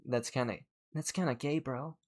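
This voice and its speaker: A man chatting casually on a reaction stream, excitable, swearing, and restarting his sentences as he rambles. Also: medium pitch, moderate pace, slight background noise.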